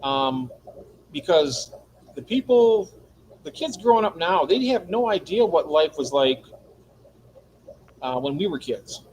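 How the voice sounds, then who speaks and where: High, lively man joking on a livestream. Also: measured pace, pauses often, slight background noise, poor audio. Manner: joking, laughs often, reads chat aloud. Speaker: livestream co-host. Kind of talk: casual live chat.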